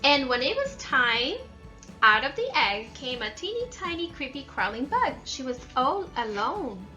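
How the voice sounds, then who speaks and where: A woman teacher reads aloud to young children and gives them instructions in a high, sing-song voice that sounds pushed and bright, speaking a little slowly. She addresses the kids directly, stresses key words and uses call-and-response prompts, with soft music in the background.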